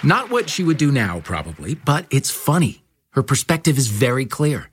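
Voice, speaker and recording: A man's voice: mid-range voice, big pitch swings, moderate pace, a crowd in the background, noisy background. A man hosting a podcast, narrating scripted links in a wry, playful way. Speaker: podcast host.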